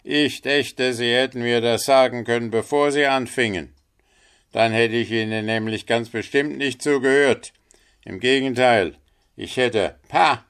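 A man voicing a quarrelsome male water rat in a storybook reading, shrill and indignant, shouting. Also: unhurried, clear, resonant tone, natural voice. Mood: furious.

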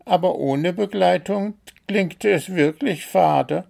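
A man's voice: high-pitched, slow pace, gravelly, a little mellow, voice pushed up, heavily acted. A man voicing an earnest, musing male would-be musician in a storybook.

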